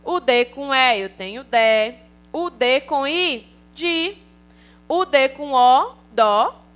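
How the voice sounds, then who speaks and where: Soft music plays behind a Brazilian teacher as she gives young children a recorded online class, cheerful and coaxing, with regular check-ins. Her accent is Brazilian Portuguese, and her high voice is expressive, slow and a bit bright.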